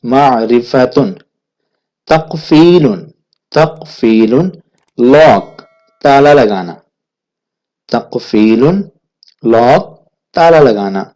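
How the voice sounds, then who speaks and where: A man teaching a vocabulary lesson, saying each word twice, then its meaning, in a slow, deliberate way, with a Pakistani Urdu accent. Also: medium pitch, expressive, darkish tone. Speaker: language teacher. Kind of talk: vocabulary lesson, repeating words slowly.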